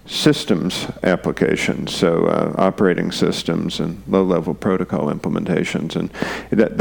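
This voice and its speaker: A man with a very deep voice and a gravelly, fry-laden texture, answering interview questions. He talks hesitantly, restarting phrases and filling pauses with "um" as he works through technical ideas. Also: a little mellow. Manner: hesitant, many fillers and restarts. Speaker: guest programmer and conference speaker. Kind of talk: unscripted technical explanation.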